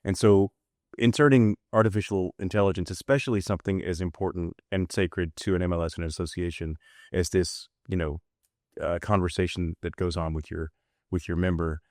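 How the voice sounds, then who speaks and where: Male podcast host, very low voice, dry studio sound, long searching questions. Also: fairly even intonation, brisk, darkish tone, no room sound. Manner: earnest, rambling questions with restarts. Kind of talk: casual podcast conversation.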